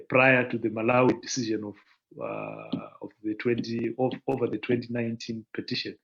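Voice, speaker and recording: Male law panelist, gravelly, measured explainer; lo-fi video call audio. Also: mid-range voice. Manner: measured, explanatory lecturing with pauses. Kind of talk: online panel presentation.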